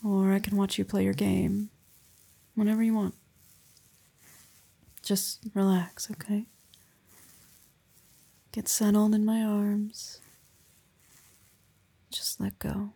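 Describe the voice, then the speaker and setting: A woman playing an affectionate young wife and mother, speaking softly and intimately, often in a whisper, in an ASMR roleplay close to the mic. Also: mid-range voice, flat delivery, slow pace, pauses often, heavily acted. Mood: tender. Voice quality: breathy. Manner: soft, intimate, often whispered, with small laughs. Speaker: roleplay performer. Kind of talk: soft-spoken ASMR roleplay.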